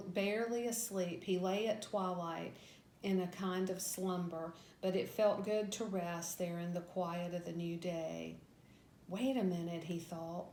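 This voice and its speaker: A woman with a mid-range voice reads a scripted Bible story as a Sunday school teacher. Her delivery is that of a storyteller working through a narrative. The room is clearly echoey, with faint noise behind her. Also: medium pitch, darkish tone. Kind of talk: reading a scripted Bible story lesson aloud.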